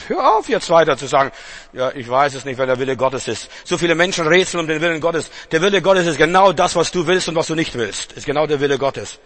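Middle-aged preacher guy, kinda high bright voice, repeats stuff, goes loud then real quiet. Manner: emphatic, repetitive, swings between loud proclamation and quiet intensity. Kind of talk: sermon.

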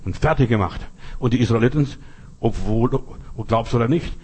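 A man preaching a sermon, retelling Bible stories in a lively way and talking straight to the listener. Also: medium pitch, normal speed, husky. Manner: lively storytelling, acting out biblical scenes, addressing listener as du.

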